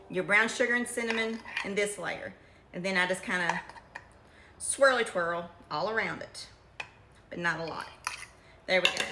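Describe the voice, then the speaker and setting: Speaking at a medium pitch, a middle-aged home cook from Kentucky, United States, shows off a recipe in her kitchen, chatting in a homespun, folksy way with a Kentucky accent. The indoor room is echoey with a bit of faint noise.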